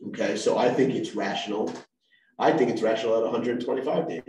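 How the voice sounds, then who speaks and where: A man in his forties, a council member making a measured legal argument at a meeting. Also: mid-range voice, a little mellow, distant mic. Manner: measured, argues legal points. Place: council chamber. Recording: roomy echo, mic set back.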